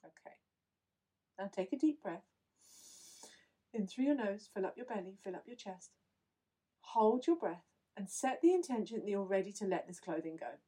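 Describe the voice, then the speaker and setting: A woman leading a guided visualization in a slow, soothing, instructive way. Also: mid-range voice, expressive, warm tone, husky. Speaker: meditation guide.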